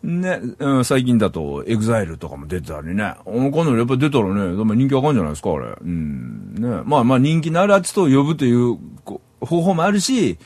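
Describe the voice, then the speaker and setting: A man's voice: mid-range voice, sing-song, fast talker, hardly any pauses, a little mellow, slightly rough, no echo. A middle-aged man from Saitama, Japan, hosting a solo podcast in a rambling, casual way and chuckling at himself. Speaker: podcast host.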